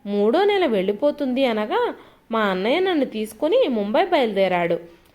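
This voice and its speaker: A woman narrating a first-person story, lifting her voice for the quoted lines. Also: moderate pace. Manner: expressive, voices quoted lines with pitch shifts.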